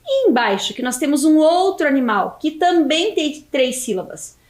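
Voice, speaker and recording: A Brazilian Portuguese woman teaching a video lesson for young children, slowly stretching syllables as she spells words out. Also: sits high, big pitch swings, reverberant. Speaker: primary school teacher.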